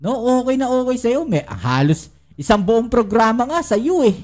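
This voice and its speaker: A woman's voice: on the high side, sing-song, normal speed, a little mellow. A woman giving casual political commentary to her viewers, full of rhetorical questions and tag questions. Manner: addresses viewers directly and often.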